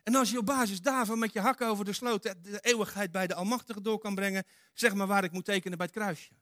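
A man preaching a sermon, animated, acting out quoted speech and swinging between loud and hushed delivery. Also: high-pitched, quick pace, dry recording, studio quality. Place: church.

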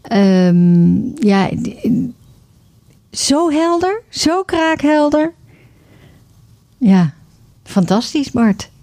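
A woman radio host chats with a guest in slow, hesitant sentences full of enthusiasm. Her voice sits a little high. The studio sound is dry and close. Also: very animated, mellow, no echo. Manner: enthusiastic, halting with fillers. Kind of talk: casual radio chat.

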